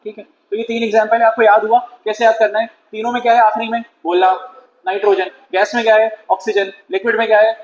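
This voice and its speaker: A man's voice: sits high, flat delivery, quick pace. A man teaching a chemistry class in a chatty lecture style, questioning and scolding his students. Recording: dull lo-fi sound with faint noise.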